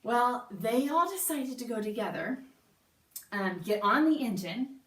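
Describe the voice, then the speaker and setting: A woman music teacher telling an animated, playful story in a lesson for young children. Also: on the high side, a little slow.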